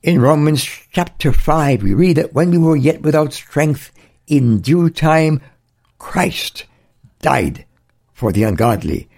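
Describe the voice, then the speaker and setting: A man's voice: a little high, expressive, takes it slowly, a little mellow. A man preaching an earnest radio sermon as a Bible teacher, with emphatic repetition.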